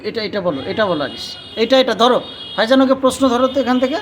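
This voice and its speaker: A woman's voice: on the high side, animated, quick pace. A woman from West Bengal filming her children for a casual family vlog, coaxing them along with short, repeated commands. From West Bengal, India. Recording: noisy phone recording.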